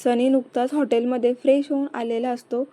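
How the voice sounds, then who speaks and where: A woman's voice: on the high side, level tone, brisk, mellow. A woman narrating a serialized romance story, storytelling steadily.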